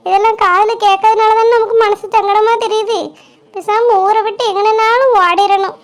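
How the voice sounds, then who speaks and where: A woman's voice: extremely high pitch, fairly even intonation, normal speed. A woman voicing a fretful village woman. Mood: worried. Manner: fretful, talks her worries over at length. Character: anxious village woman, middle-aged, gentle and fretful. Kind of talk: cartoon drama voice acting.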